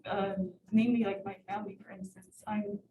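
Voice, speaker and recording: A woman in her twenties from Ethiopia, a student in the audience, asks a hesitant question from the floor at a university event, full of fillers and restarts. Her voice is medium-pitched, level, dark in tone and at a normal pace. She sits far from the mic in a roomy lecture hall, with slight background noise.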